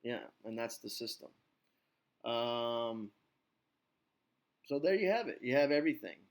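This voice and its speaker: A man hosting his podcast as an English teacher, talking in a relaxed, reassuring, rambling way. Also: mid-range voice, measured pace. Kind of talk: casual chat.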